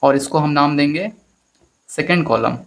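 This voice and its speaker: A man's voice: fairly high pitch, unhurried, vocal fry, a bit bright. A man teaching a maths lesson in Hindi with an Indian accent, explaining step by step and often addressing his students as friends. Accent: Hindi-speaking Indian.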